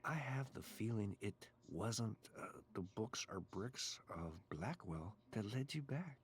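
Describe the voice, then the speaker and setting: Cryptic, creepy low-voiced groundskeeper. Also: male voice, lively intonation. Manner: slow, measured, cryptic pronouncements in formal phrasing. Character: creepy, cryptic, philosophical male school groundskeeper, gently solemn. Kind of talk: video game voice acting.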